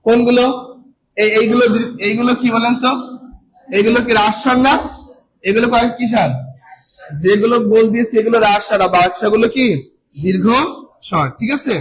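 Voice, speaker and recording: A man's voice: very high-pitched, steady tone, brisk, long pauses, a little hiss or hum, rough recording. A man teaching a classroom lesson who keeps asking his students questions and then answering them himself, stretching out the key words for emphasis. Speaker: coaching teacher. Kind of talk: classroom lecture.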